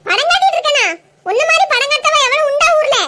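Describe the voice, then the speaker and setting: A woman's voice: very high-pitched, quick pace, bright, forceful tone. Scheming nagging mother-in-law. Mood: shrill accusing. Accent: Kanyakumari Tamil. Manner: grumbling, scheming muttered asides. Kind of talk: cartoon voice acting.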